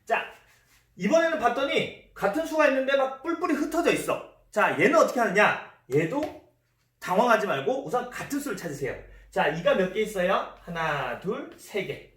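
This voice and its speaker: High-voiced guy teaching math, bouncy pitch, echoey room, a bit far from the mic. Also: moderate pace. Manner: lively, repeats key words, asks the class questions. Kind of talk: classroom math lesson. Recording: roomy echo, voice from a distance.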